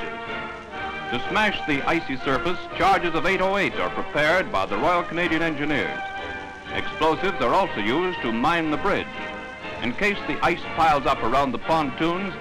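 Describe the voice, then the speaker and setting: A man reads a 1940s wartime newsreel in a slightly raised register, brisk and fond of wisecracks. His delivery is polished, scripted announcer narration. A music score plays clearly underneath him. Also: a little high, low-quality recording.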